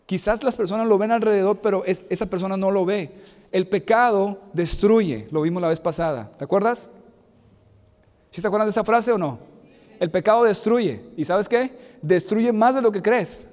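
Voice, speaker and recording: A man's voice: high-pitched, moderate pace, darkish tone. A man preaching a sermon to a congregation, earnest and repeating his key phrases. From Mexico. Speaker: pastor. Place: church sanctuary. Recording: long hall reverb.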